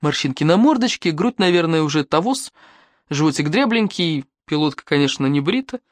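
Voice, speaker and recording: A woman's voice: low-pitched, expressive, a little fast, dry recording. A woman voicing a shy young man in an audiobook who speaks hesitantly and sheepishly.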